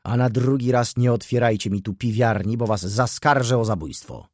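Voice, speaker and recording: A man's voice: mid-range voice, normal speed, darkish tone, no echo, clean studio sound, close to an everyday voice. A man voicing a stern, ironic middle-aged male doctor who talks in a brusque, scolding way, in an audiobook reading.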